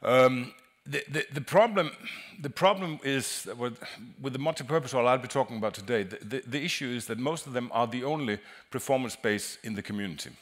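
A medium-pitched man presents at a conference, speaking from a stage in a large hall. He works as an acoustic designer, and his explanations come out halting, with repeated words.

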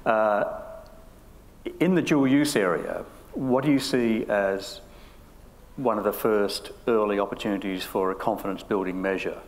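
Deliberate male panel moderator. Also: on the low side. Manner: deliberate, questioning. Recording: hall reverb with faint noise.

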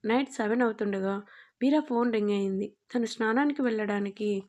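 A woman narrating a romantic audio story at a steady, even pace. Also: fairly high pitch, brisk.

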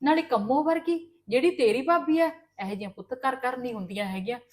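A woman's voice: high-pitched, quick pace, close to an everyday voice. A woman with a Punjabi accent playing a mother who earnestly lectures her daughter in a family drama. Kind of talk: scripted family drama acting.

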